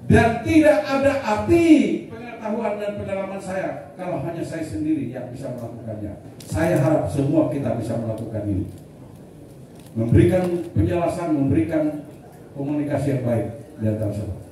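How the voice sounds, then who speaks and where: A middle-aged man leading an organization, giving a blunt, military-style rallying speech that builds to loud repeated declarations. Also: on the high side, expressive, moderate pace. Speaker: leader of a community organization addressing members. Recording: echoey hall, mic far off, faint noise.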